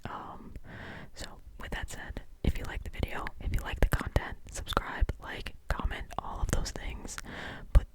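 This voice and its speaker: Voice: moderate pace, poor audio. A host with a Midwestern American accent, giving whispered ASMR sports talk up close to the mic, rambling with many ums and restarts.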